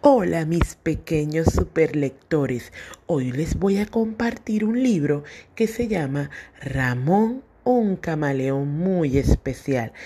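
Slow, careful woman reading to children. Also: low voice, noisy background. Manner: careful, clearly articulated reading. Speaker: storyteller and teacher for children. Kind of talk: reading a children's book and phonics drill aloud.

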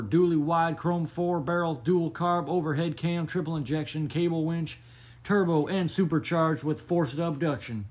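A man's voice: on the high side, lightly acted. A man doing a macho truck-ad announcer. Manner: slow, bold, over-the-top hard sell. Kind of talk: mock TV commercial.

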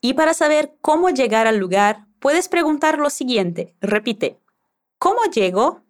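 A woman guides a scripted language lesson at an unhurried pace, her voice rising and falling a lot. She is patient and encouraging and keeps prompting the listener to repeat after her. Her voice sits a little higher than most women's. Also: very animated. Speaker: language teacher.

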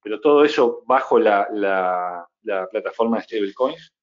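A man, a guest in an interview, explaining a technical project in a measured way with many restarts. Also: on the low side, lively intonation, dull audio. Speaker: guest, crypto project founder.

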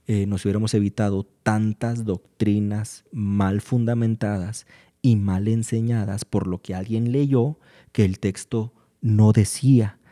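A man talks through his points in a calm, explanatory way, pausing often with fillers. His voice sits low and has a deep, mellow warmth. He sounds like a guest in an unhurried conversation about faith. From Mexico. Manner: measured, explanatory, pauses with fillers. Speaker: guest speaker.

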